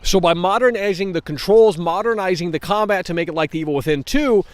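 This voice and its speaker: A man's voice: high voice, fast, dry recording. A man hosting a livestream, giving casual, opinionated game commentary in an exasperated, blunt and sweary way. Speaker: livestream host.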